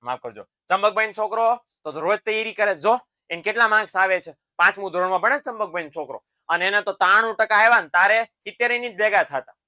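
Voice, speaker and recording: A man's voice: sits high, fast, pushed and bright, no echo, clean studio sound. A man playing a nagging older male relative who scolds and mocks a student. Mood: scolding. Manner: scolding, mocking.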